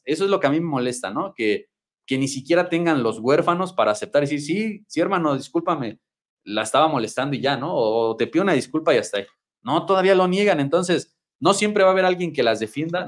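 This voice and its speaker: A man with a Mexican accent, co-hosting a casual talk show, speaking in an indignant, emphatic way. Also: on the high side. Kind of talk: casual chat.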